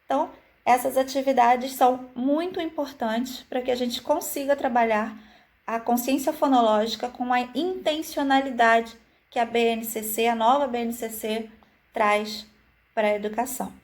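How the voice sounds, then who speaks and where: A woman educator talks viewers through phonics activities. Her voice sits a little high, and she pauses often on "é" and "né". She slows right down and stretches example words so that every syllable is heard. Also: steady tone. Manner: frequent "é" and "né" fillers. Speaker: early-childhood educator. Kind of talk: teaching video, explaining activities.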